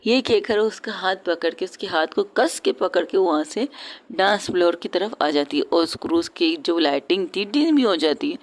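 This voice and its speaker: A woman's voice: fairly low pitch, gravelly. A woman narrating a romance story in a loose, conversational way, with restarts and fillers. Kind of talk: casual spoken story narration.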